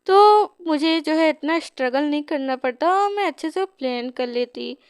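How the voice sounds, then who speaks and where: A woman doing a young noble heroine, flustered and teasing, high voice, dry close sound, storybook comic retelling. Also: animated, moderate pace, no room sound. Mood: urgent.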